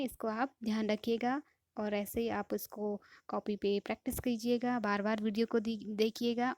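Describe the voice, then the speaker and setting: A woman teaching an exam-prep lesson in a patient way, often pausing to check that students follow. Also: on the high side, darkish tone, no echo, studio quality. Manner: patient, repeats "ठीक है" to check understanding. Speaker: Hindi teacher.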